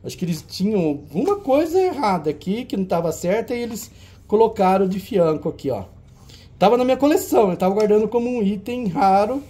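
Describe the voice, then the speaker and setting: A man's voice: sits high, warm tone. A man hosting a retro game auction, showing old cartridges in casual, teasing banter. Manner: chatty, teasing, jokey banter with a helper.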